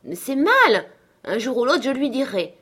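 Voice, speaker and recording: A woman voicing an impulsive, affectionate teenage girl who asks eager, excited questions, in an audiobook. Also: sits high, a little slow, husky, pitched above the performer's own voice, exaggerated voice. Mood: indignant. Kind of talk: audiobook character reading.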